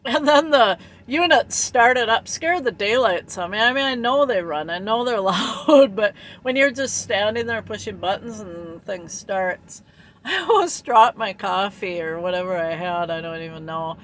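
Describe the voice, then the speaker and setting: A woman's voice: mid-range voice, moderate pace, rough recording. Rambling woman trucker telling a story. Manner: rambling, many ums and laughs. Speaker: truck driver. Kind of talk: casual storytelling vlog.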